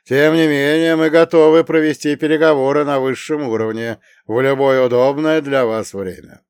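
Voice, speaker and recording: A man voicing a male analyst-strategist who speaks formally and deliberately. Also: medium pitch, steady tone, creaky, darkish tone, clean tone, no room sound, studio quality, natural voice.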